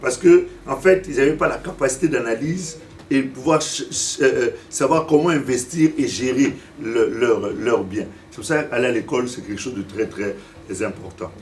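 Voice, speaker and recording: A pastor in his fifties from Africa preaches a Sunday sermon in a medium-pitched, darkish voice at normal speed, with slight background noise. He stumbles and repeats words while searching for them and puts direct questions to the congregation, recorded by a distant mic with faint room ambience.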